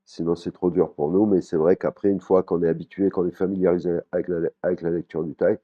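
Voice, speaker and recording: A man teaching a language lesson in a relaxed way, with frequent fillers, restarts and repeated words. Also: low voice, fast, narrow, tinny audio. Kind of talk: casual spoken lesson.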